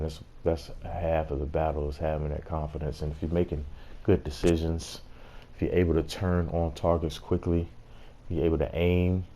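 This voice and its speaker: A man's voice: extremely low pitch, dark tone. A man giving a casual gameplay tutorial as host, explaining things in an informal way.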